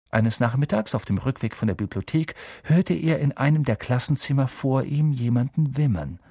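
An audiobook narrator with an ordinary middle-pitched voice reads a novel from a script, telling the story expressively and leaning into key words with lively emphasis. The sound is close and dry, with no room echo.

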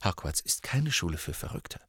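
A man's voice: low-pitched, moderate pace, slightly rough, dry recording, studio quality, pitched below the performer's own voice, full character voice. Dumbledore, a man reading a patient old wizard. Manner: calm, gentle and soft-spoken. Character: patient, kindly old male wizard teacher.

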